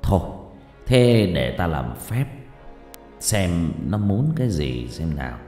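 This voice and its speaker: A man voicing an old village exorcist, speaking slowly and solemnly. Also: low-pitched, sing-song, darkish tone, echoey room, big-room sound, soft background music, voice pushed down, exaggerated voice. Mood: grave. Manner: slow, heavy, solemn.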